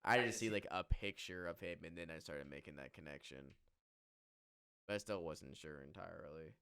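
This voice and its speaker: A man co-hosting a podcast, chatting casually and rambling excitedly with lots of fillers. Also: low voice, moderate pace, echoey room. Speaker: podcast co-host. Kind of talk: casual chat.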